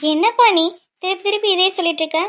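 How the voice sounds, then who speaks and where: A woman voicing a squeaky cheeky young bride. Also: very fast, a bit bright. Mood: cheeky, soothing. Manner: cheeky, bubbly. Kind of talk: cartoon voice acting.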